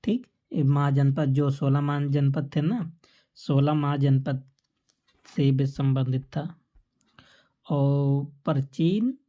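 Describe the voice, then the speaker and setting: A woman's voice: very deep voice, dark tone. A woman teaching exam facts as a quiz-style lecture, asking questions and answering them herself. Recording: dull lo-fi recording.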